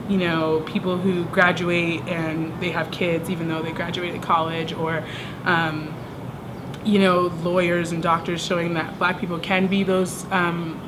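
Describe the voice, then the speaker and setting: A twenty-two-year-old woman with a slightly low voice answers casually, with plenty of fillers. Background noise and an air conditioner hum sit behind her. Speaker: master's student. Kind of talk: documentary interview answers.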